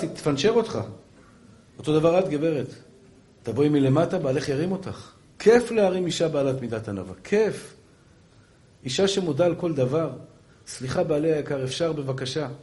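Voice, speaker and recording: A high-pitched rabbi preaching in a synagogue, his voice sitting well above most men's. He moves from soft, coaxing appeals to loud, fervent calls and piles up rhetorical questions. He speaks to the room as a sermon to a gathered congregation. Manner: swings from hushed pleading to loud impassioned exhortation; addresses listeners with endearments, repetitive rhetorical questions. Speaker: rabbi giving a weekly lesson.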